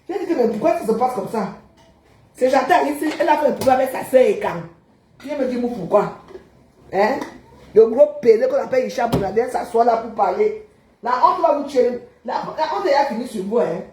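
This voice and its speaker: A woman's voice: high voice, animated, a little fast, darkish tone, slight background noise. Combative Cameroonian woman ranting on a live stream. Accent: Cameroonian French. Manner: combative, scolding, mocking. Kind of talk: live-stream rant answering viewer comments. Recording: roomy echo.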